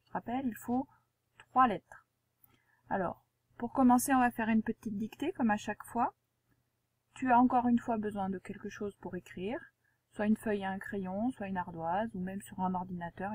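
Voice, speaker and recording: A woman's voice: mid-range voice, normal speed, pauses often, husky, no room sound. A woman teacher giving a spelling lesson and dictation to a young pupil, articulating carefully, spelling out letters and asking the pupil patient questions.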